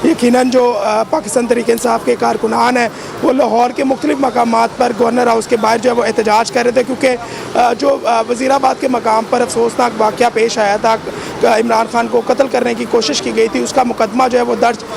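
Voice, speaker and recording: A field reporter from Pakistan, a man with a sore throat, reports live outdoors beside a street, rambling with many fillers. His voice is very high-pitched and creaky, with a level tone and moderate pace. The street is noisy with traffic, and a crowd can be heard behind him.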